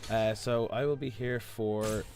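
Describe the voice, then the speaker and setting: Irish male streamer, hoarse and low-pitched, rambling casual chat with faint music underneath. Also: steady tone, measured pace, a little mellow. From Ireland. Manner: rambling, many fillers and restarts, chuckles often. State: hoarse, voice stuck in a low register. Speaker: game streamer. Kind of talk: casual live-stream commentary.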